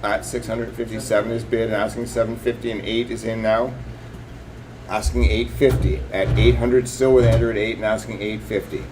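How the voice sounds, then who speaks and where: Low-pitched male auctioneer calling bids. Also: flat delivery, normal speed, noisy background. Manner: repetitive, clipped bid-calling patter.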